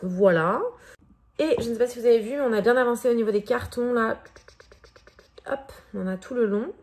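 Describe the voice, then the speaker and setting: A woman's voice: a little high, a little fast, darkish tone, soft background music. A woman in her thirties from France with a French accent, chatting casually in a vlog with many hesitations and fillers. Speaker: vlogger.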